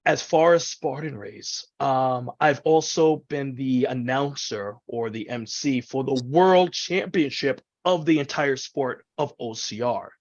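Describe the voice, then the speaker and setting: A man from New York City talking casually as an interview guest, telling stories in an animated way over a video call. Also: medium pitch, unhurried, few pauses. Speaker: ring announcer and event MC, interview guest. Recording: dull, lo-fi video call audio.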